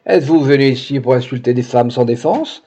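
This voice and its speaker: A man's voice: mid-range voice, fairly quick, dark tone, close to an everyday voice. A man voicing a bold, scheming older woman who answers with indignant, mocking retorts, on a dull lo-fi recording. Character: brash aging woman, bold scheming matron.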